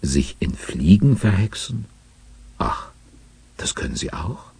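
Deep, gravelly male storyteller. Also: very animated, slow pace, darkish tone, dry recording. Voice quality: gravelly and very raspy. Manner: storytelling, confiding. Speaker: narrator. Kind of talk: children's radio play narration.

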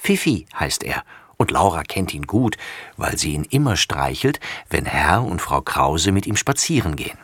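A man reading a children's story aloud with lively, expressive narration. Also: very deep voice, normal speed, breathy edge, dry recording, studio quality.

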